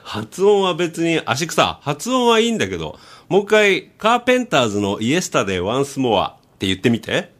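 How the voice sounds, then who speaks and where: A man doing comedic banter with an AI assistant, firing off rough, exasperated retorts. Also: fairly high pitch, huge pitch swings, moderate pace, hardly any pauses, a bit bright.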